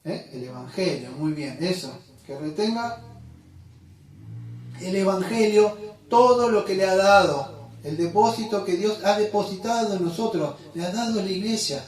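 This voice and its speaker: A man's voice: high voice, normal speed. A man preaching a sermon as pastor, talking conversationally, correcting himself and quizzing the congregation. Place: church hall. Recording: echoey room, mic at a distance.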